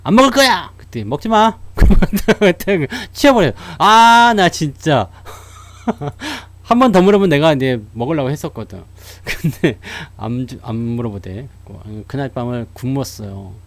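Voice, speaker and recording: A man's voice: medium pitch, lively intonation, unhurried, no echo. A man giving casual stock market commentary to his viewers, telling stories in a chatty way and laughing often.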